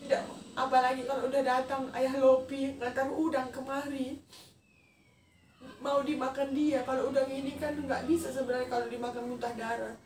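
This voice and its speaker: Woman, 30s, personal vlog storyteller, halting and emotional delivery; roomy, off-mic sound. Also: high voice, level tone, a little mellow. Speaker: vlogger. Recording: echoey distant mic with noisy ambience.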